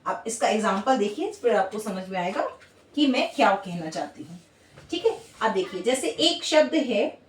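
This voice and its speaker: A woman's voice: mid-range voice, very animated, reverberant, recorded from a distance. A woman teaching a phonics lesson. She sounds out letters one by one and keeps checking in with "ठीक है?". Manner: sounds out letters slowly, asks "ठीक है?" after each point. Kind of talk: classroom-style phonics lesson.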